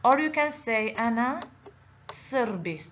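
Pitched fairly high, with a bright, expressive tone and moderate pace, a female Arabic teacher records a voice-over for an online lesson with slides. Her manner is patient, going step by step and frequently adding "okay?". The audio is slightly muffled lo-fi with faint background noise.

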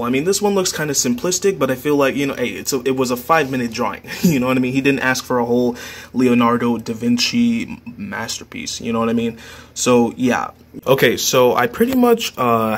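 A man's voice: mid-range voice, fairly bright tone, slight background noise. A teenage young man chatting casually in a vlog, joking and correcting himself as he rambles along. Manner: jokey, rambling, self-correcting. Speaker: vlogger.

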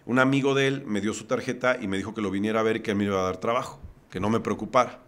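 A man's voice: fairly low pitch, steady tone, racing. Mexican man telling a life story. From Mexico, Puebla. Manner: vivid storyteller, recounts scenes step by step. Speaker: podcast guest. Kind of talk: personal storytelling in conversation.

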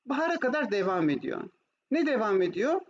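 A woman's voice: a little high, big pitch swings, fairly quick. A woman with a Turkish accent teaching German online, switching between Turkish and German as she explains and asks checking questions. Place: online video class with screen share. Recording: muffled, noisy online call audio.

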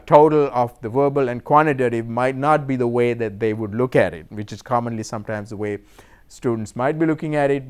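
In a lecture room at a cultural center, a middle-aged Sri Lankan university professor gives an informal lecture presentation to an audience. His voice is smooth and resonant at an ordinary pitch, and his delivery is measured but hesitant, frequently pausing on "uh" and "um" or repeating a word while he searches for the next one.

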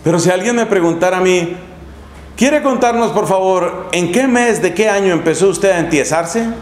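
A middle-aged man, a friar, preaching a sermon with lively, humorous storytelling in a monastery chapel. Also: high voice, normal speed. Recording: echoey room, faint hum.

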